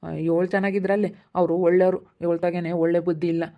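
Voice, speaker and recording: A woman playing a sharp-tongued, scolding village neighbour in an amateur skit. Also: on the low side, level tone, fast, highs cut off, close to an everyday voice. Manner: scolding, judgmental. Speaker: neighbour Meena.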